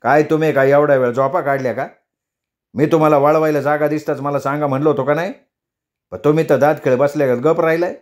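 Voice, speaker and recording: A male storyteller playing a hot-tempered village taxi driver, blustering and quick to snap. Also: on the high side, steady tone, natural voice. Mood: snapping.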